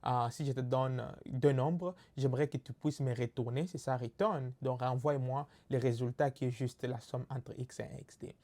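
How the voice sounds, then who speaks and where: A man's voice: medium pitch, steady tone, moderate pace, few pauses, warm tone. A man with a Congolese French accent giving a recorded lesson, explaining step by step with frequent fillers and checks for understanding. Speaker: teacher. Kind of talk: recorded lecture.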